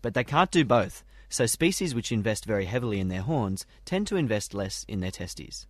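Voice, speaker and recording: Male news reader, lowish pitch, scripted science bulletin delivery, dry sound. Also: big pitch swings, normal speed, dry recording.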